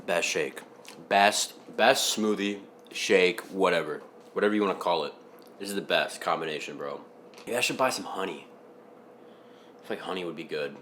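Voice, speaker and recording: Low-voiced young man, laid-back vlog chat. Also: moderate pace, long pauses, a bit bright, a little hiss or hum. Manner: rambling, laid-back, musing aloud. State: slightly groggy morning voice. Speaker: fitness vlogger. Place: home kitchen.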